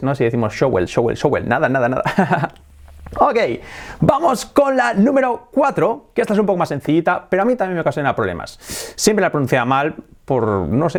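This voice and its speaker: A man with a Spain Spanish accent giving an animated online English pronunciation lesson, repeating words and often laughing. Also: medium pitch.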